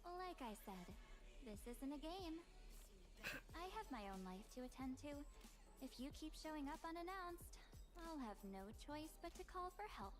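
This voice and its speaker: A woman's voice: high-pitched, animated, moderate pace. An actress voicing a cool, blunt young woman who guards something, speaking firmly and directly. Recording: game audio with music behind.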